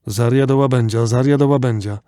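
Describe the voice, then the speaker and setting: Formal ground control operator, voiced by a man, clipped and mellow. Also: mid-range voice, fairly even intonation, brisk, clear, resonant tone, dry recording, clean studio sound, natural voice. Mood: solemn.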